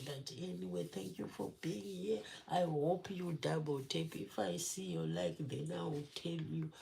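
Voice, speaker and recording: A woman's voice: medium pitch, gravelly, darkish tone, slight background noise. A young woman hosting a casual live stream, chatting with viewers, greeting them by name and laughing often. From Zimbabwe. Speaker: livestream host.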